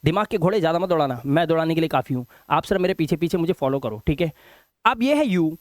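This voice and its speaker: In a clean studio recording with no room sound, a male teacher explains English grammar to viewers in Hindi. His fairly high voice has lively intonation, and he addresses viewers directly, going slowly and repeating words and spellings in a sing-song drill of word lists.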